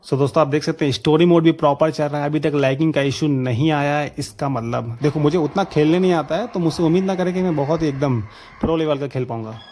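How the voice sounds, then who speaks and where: A man casually talking viewers through a gaming setup tutorial, chatty and excited, calling them friends. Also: a little high, quick pace. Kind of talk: casual screen-recorded tutorial commentary.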